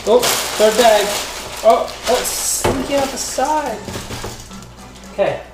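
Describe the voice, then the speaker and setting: A parent vlogger chats casually and playfully with young children, encouraging them and asking lots of questions. The voice is mid-range and slow-paced. The recording has a roomy echo with loud music behind it.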